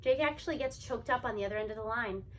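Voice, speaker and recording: A woman with a fairly high voice reads a story aloud quickly, using expressive first-person narration with animated delivery and emphatic stresses. The recording carries a little hiss or hum.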